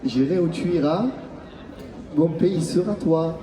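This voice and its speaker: A man playing a dim-witted bandit with a put-on Toulouse accent who talks slowly and hesitantly about his own songs. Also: fairly high pitch, mellow, reverberant, lightly acted. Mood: naive.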